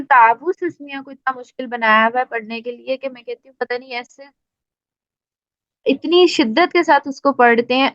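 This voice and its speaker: A woman with a Pakistani Urdu accent, teaching Quran tajweed in a casual spoken lesson, explaining patiently and reciting examples slowly. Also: sits high, no echo. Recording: dry, slightly muffled recording.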